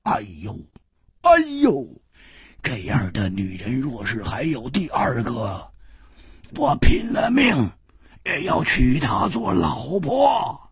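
一位男说书人扮演一个豪爽莽撞的侠客，说话大嗓门、咋咋呼呼。. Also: male voice, high-pitched, huge pitch swings, measured pace, vocal fry, husky, dry recording, clean studio sound, voice pushed up, full character voice. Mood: boisterous. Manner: loud, exclamatory, boisterous. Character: brash boisterous swordsman, loud and excitable.

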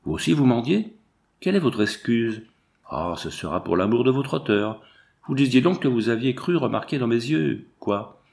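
Male reader doing a quick-witted young woman, teasing and mystical, gravelly read. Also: mid-range voice. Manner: teasing, lively retorts.

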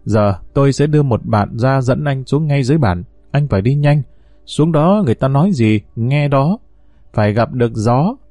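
A man's voice: medium pitch, expressive, normal speed, mellow, no echo, soft background music, lightly acted. A man voicing a grave young village teacher woman. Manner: urgent, insistent warnings.

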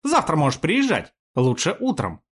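A jovial, boastful craftsman with a slightly husky voice, as a man narrator puts him on. His speech is lively and sways up and down in pitch in an audiobook. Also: normal speed, full character voice. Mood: cheerful.

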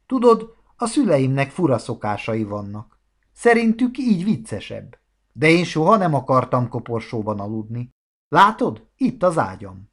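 A man's voice: mid-range voice, very animated. A man voicing a shy young vampire boy in a storybook, talking hesitantly and apologetically. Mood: awkward. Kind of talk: storybook character voice.

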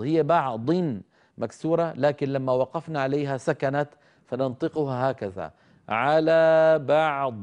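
A middle-aged man teaching Quran recitation, explaining rules and slowly demonstrating each sound. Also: medium pitch, warm tone. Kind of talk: televised tajweed lesson with live callers.

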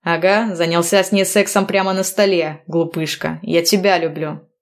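A cocky, teasing young man, voiced by a woman in a read-aloud story. He talks in playful, mock-stern banter. His voice sits fairly low for a woman. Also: fairly even intonation, moderate pace, natural voice. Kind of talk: audiobook dialogue reading.

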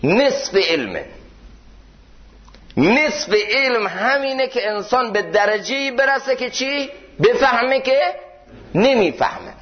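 A man giving a sermon in a mosque, telling stories and slowing down to stress key points with questions. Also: very high-pitched, sing-song. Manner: storytelling, slows down for emphasis and poses questions. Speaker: preacher. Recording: dull lo-fi recording.

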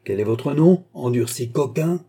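A man's voice: medium pitch, moderate pace, warm tone, pitched above the performer's own voice, lightly acted. A man reading aloud and voicing a harsh, bullying male magistrate who sneers and barks his orders. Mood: harsh, shouting. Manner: sneering, barking.

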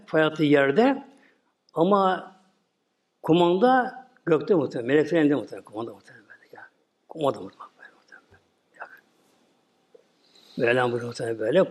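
An older man delivers a loose, rambling religious sermon, his voice sitting a little high for a man. He often repeats filler words and lets phrases sink into quiet mumbles. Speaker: Islamic preacher.

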